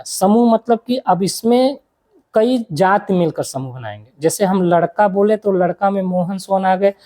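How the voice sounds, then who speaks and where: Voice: mid-range voice, mellow. A teacher giving an exam-prep grammar lesson, asking questions aloud and answering them, running through lists of examples, with English words mixed in. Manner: mixes English words into explanations.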